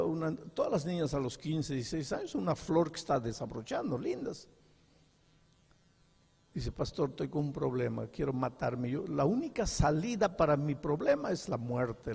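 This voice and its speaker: An older man preaching a sermon as a pastor, telling a story with dramatic dialogue and swinging from hushed to loud. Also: on the high side, creaky, slightly rough, big-room sound. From Peru.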